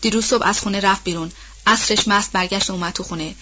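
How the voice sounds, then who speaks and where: A fretful old nanny woman, read by a woman in a storybook recording, rambling on in a loose, colloquial way. Her voice sits at a middling pitch. The sound is dull and lo-fi. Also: fairly even intonation, pushed and bright. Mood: worried. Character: old household nanny woman, anxious and gossipy. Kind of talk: audiobook role-play reading.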